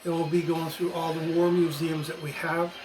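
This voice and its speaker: This video channel host, an American former teacher in his sixties, speaks at normal speed in a fairly high voice with little pitch movement, on a low-quality recording. His explanatory monologue is opinionated and emphatic, with phrases repeated for stress.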